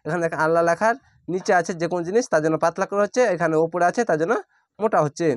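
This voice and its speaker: A man teaching Quran reading, spelling out each syllable slowly and then blending it into the word. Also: sits high, no echo, clean studio sound. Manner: draws out recited words very slowly. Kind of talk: slow letter-by-letter recitation lesson.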